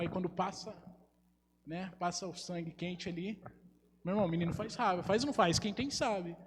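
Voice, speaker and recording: A man, preaching a sermon as pastor and putting rhetorical questions to his congregation. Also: sits high. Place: church hall. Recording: live church stream with long reverb and faint hum.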